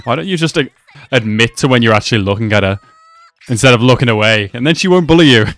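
Soft music plays behind this young man in his twenties as he reacts on camera, talking quickly and animatedly into a nearby desk mic. His voice sits at medium pitch with a slightly bright tone, and his commentary is slangy, amused, and casual, recorded in a small indoor room.

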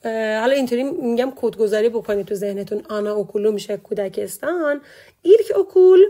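Warm-voiced woman teaching a language. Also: medium pitch. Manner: explains slowly, repeating words and translations. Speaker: Turkish teacher. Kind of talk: online language lesson, reading a word list.

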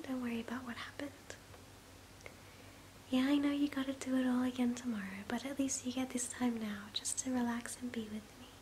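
With the mic close to her mouth in a small indoor bedroom, a young ASMR performer in her twenties whispers as a drowsy girlfriend tenderly comforting her partner in bed. Her voice is on the high side and darkish, soothing and intimate, while the low-quality recording carries clear hiss and ambience.

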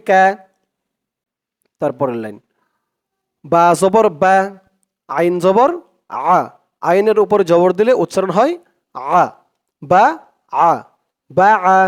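Brief: male teacher, Bangladeshi accent, higher-pitched voice, patient and repetitive, slow syllable-by-syllable drilling. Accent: Bangladeshi Bengali. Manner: patient, repeats each syllable many times. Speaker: Quran reading teacher. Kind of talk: slow step-by-step lesson.

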